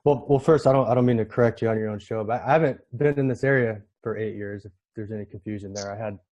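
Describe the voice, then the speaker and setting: A man talking casually as an interview guest, halting and repeating words as he goes. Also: lowish voice, fairly even intonation, darkish tone. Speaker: podcast guest, real estate appraiser. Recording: dull, muffled lo-fi connection.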